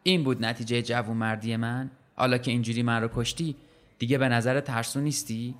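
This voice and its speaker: A man voicing a calm talking cockroach. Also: mid-range voice, close to an everyday voice. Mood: reproachful.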